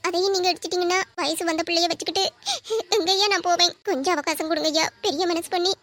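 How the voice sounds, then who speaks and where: A woman's voice: very high voice, steady tone, quick pace, fairly bright tone. A woman voicing a poor, desperate grandmother who begs a moneylender for more time in a Tamil audio drama. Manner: pleading, begging.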